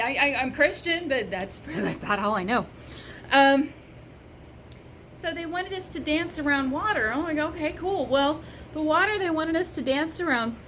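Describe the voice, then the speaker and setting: Wry, animated woman telling a story. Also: sits high, slight background noise. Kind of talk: casual storytelling.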